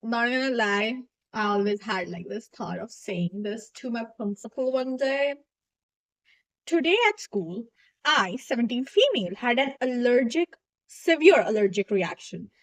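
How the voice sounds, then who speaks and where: A young woman reads online posts aloud in a casual, easygoing way and drops chatty comments between the lines. Her voice sits a little on the high side. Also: lively intonation, a little slow, low-quality recording. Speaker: co-host reading posts aloud. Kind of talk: casual chat, reading stories aloud.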